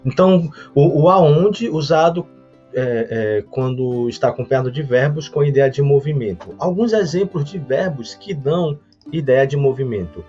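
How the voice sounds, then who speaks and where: A Brazilian man teaching a recorded grammar lesson, explaining slowly with frequent hesitations and restarts. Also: on the high side, expressive, warm tone. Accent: Brazilian Portuguese. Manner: hesitant, many fillers and restarts; explanatory, reads example sentences slowly. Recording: dull lo-fi audio, faint guitar music.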